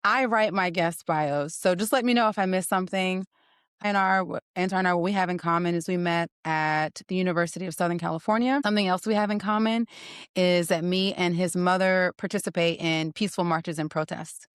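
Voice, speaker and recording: A podcast host in her thirties talks briskly in a lowish, clean-toned voice with fairly even intonation. The recording is dry, with clean studio sound. She laughs often and teases her guest playfully during casual interview chat, leading into a story.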